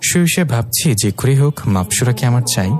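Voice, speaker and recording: A man's voice: medium pitch, lively intonation, brisk. A man narrating a dramatic audio story in the first person, with an emotive delivery. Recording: soft background music.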